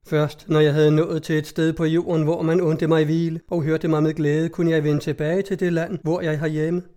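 A man's voice: a little high, level tone, dark tone, lightly acted. A man reading as the solemn fairy of truth. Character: calm female fairy of truth, gentle and solemn.

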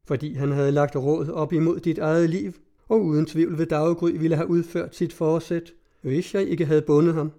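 A man voicing a desperate, defiant young woman in an audiobook reading, with a mellow voice. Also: a little high, little pitch movement, hardly any pauses, lightly acted.

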